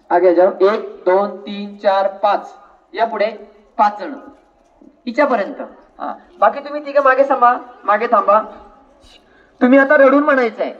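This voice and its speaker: A man's voice: extremely high pitch, fairly bright tone, recorded from a distance, muffled recording. A man teaching an acting workshop to children, giving directions and counting aloud in a coaxing, directive way. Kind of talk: instructing children in a class.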